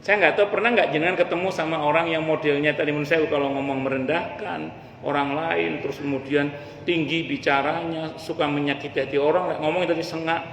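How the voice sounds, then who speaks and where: Addressing the women in his audience directly, a preacher delivers a humorous, informal religious study lecture in a mosque hall. His slightly high voice is steady, fairly quick and a touch bright, and the hall is echoey with faint ambience.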